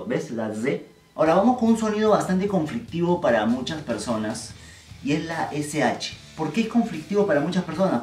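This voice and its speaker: A man from Peru, giving a casual video lesson in an irreverent, slangy way and drilling syllables slowly. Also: fairly high pitch, darkish tone, distant mic. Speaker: language teacher. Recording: roomy, off-mic sound with faint music.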